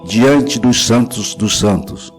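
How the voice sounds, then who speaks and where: A man giving a solemn, measured devotional narration with scripture readings. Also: medium pitch, soft background music, rough recording.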